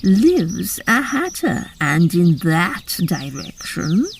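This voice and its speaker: A woman voicing a sly, grinning mad cat in a storybook reading, with slow, deliberate, drawn-out words. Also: lowish voice, sing-song, vocal fry, far from the mic, a little hiss or hum, heavily acted. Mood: sly, languid.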